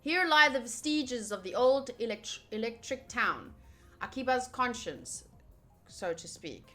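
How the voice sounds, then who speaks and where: A woman livestreams a visual novel playthrough, reading game text aloud with playful, chatty asides and frequent self-interruptions. Her voice is a little high, animated, a little slow and a bit bright, with faint music behind.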